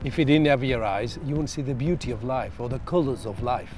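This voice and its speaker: A man's voice: medium pitch, a little fast. A man in his forties giving a testimonial of his views as a community member. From Bradford, England. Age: 40s. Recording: soft music bed behind the voice.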